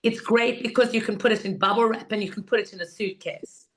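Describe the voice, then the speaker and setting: Hoarse, rusty-voiced woman teaching. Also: mid-range voice, fairly even intonation, a little fast. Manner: enthusiastic, instructive, repeats 'in other words'. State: laryngitis, hoarse rusty unused-sounding voice. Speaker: guest teacher of market selling. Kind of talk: informal workshop teaching.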